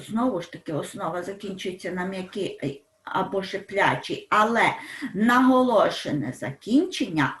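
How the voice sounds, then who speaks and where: A woman teacher talks through a grammar lesson at an unhurried pace. Her pitch moves a lot as she leans on each example word and puts questions to the class. The room around her sounds echoey. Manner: explains slowly, stresses words, asks pupils questions. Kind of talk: school language lesson.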